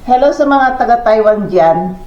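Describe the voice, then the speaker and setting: A woman's voice: on the high side, lively intonation, normal speed, darkish tone. A woman from Pangasinan with a Pangasinan accent, chatting casually as a vlogger while she makes coffee and does chores at home. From Philippines, Pangasinan. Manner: chatty and rambling, narrating chores as she goes. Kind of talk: casual vlog narration. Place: home kitchen, indoors. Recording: roomy, dull lo-fi with faint noise.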